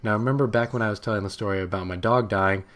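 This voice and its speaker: Rambling teen guy with a lowish voice. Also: quick pace. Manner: rambling, excitable storyteller. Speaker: gaming channel host. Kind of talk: storytelling commentary over gameplay.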